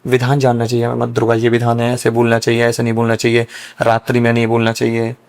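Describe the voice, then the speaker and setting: Young man, rapid speech, gravelly, earnest, explaining at length, podcast guest. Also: medium pitch, completely flat delivery, darkish tone. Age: young adult. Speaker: guest, young Brahmin priest. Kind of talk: casual podcast conversation.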